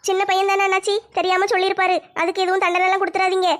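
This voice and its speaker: A high, rapid voice of a poor village mother, as a woman acts her out, begging the village head for mercy. Her pitch stays narrow and level, and the words tumble out quickly. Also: monotone. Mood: pleading. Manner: pleading, apologetic, speaks fast and high. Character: tearful poor village mother, pleading and meek. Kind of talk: family comedy skit.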